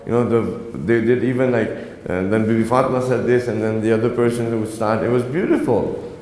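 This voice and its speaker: Speaking at medium pitch and a little fast, this male religious lecturer has a slightly mellow voice, with a bit of hiss or hum on the audio. Urdu is his first language, and he earnestly exhorts a young audience, frequently asking "right?" to check in. His words echo around a reverberant hall.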